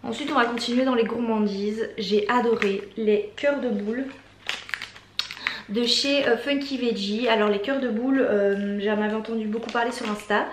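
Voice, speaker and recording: A woman's voice: on the high side, fairly even intonation, moderate pace, noisy background. A young woman in her twenties chatting enthusiastically about her favorite products, with lots of fillers. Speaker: beauty and lifestyle vlogger. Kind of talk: casual product favorites talk. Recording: echoey room.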